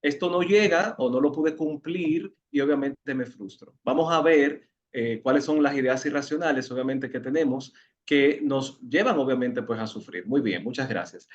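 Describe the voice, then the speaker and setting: A man's voice: medium pitch, moderate pace, few pauses. Man with a Dominican accent guiding a class. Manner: explanatory, asks the audience questions, repeats words when searching. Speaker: facilitator of an online educational session. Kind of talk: interactive talk to an online group. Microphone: video call. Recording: muffled video call audio.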